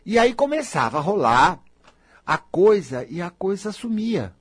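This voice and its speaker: A Brazilian man speaking in a very husky, breathy voice that sits fairly high. His pitch swings widely as he delivers an emphatic motivational talk. He speaks straight to his listeners and drives his points home by repeating them. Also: sing-song, a little slow. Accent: Brazilian Portuguese. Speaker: spiritual self-help speaker.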